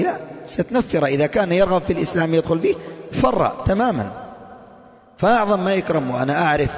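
A man delivers a sermon to a gathered congregation, asking rhetorical questions and answering them. His voice sits a little high for a man, and it rings with a long reverb from a large mosque hall. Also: a little mellow. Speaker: preacher. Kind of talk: Friday-style sermon to a congregation.

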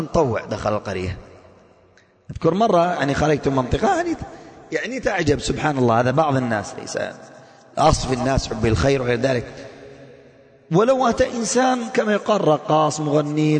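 A man preaching a sermon to a congregation, posing rhetorical questions and then answering them himself. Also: a little high. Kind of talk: Friday-style sermon to a congregation. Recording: long echoing hall reverb.

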